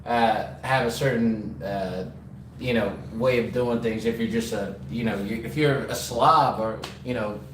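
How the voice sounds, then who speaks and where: A man talking casually, tripping over and repeating his words. His voice sits at a middling pitch and is heard in an echoey room with a faint hiss behind it. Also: measured pace. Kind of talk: casual chat.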